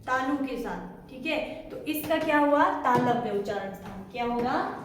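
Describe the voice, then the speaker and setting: Woman teacher, high voice, step-by-step explanations, quizzes the class, echoey room, distant mic. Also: lively intonation, normal speed, a crowd in the background. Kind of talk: classroom lesson.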